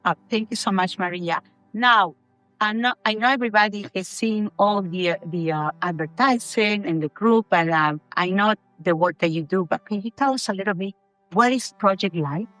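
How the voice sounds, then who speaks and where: Bright-voiced woman interviewer. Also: mid-range voice, dry recording, soft background music, low-quality recording. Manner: friendly, halting questions. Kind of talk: interview questions.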